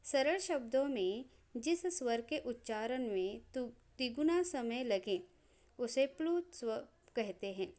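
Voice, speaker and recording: Woman teacher, fairly high voice, slow and deliberate, lists sounds one by one, explanatory lesson. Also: animated, darkish tone. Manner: measured, spells out sounds one by one. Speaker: grammar teacher.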